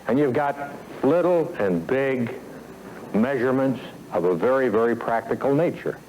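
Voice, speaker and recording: This 1970s film soundtrack features an American executive's scripted sales training lecture, formal and measured, with emphatic phrasing and deliberate pauses. The animated, mid-range voice is a little mellow, heard through dull audio with a little hiss or hum.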